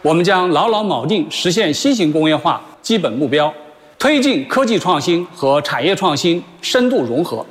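Man, highish voice, formal prepared statement, animated intonation, hall reverb.

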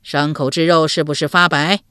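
A woman voicing a stern county magistrate who explains the evidence in a slow, measured, lecturing way. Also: a little high, level tone, pushed and bright, clean tone, dry recording, studio quality.

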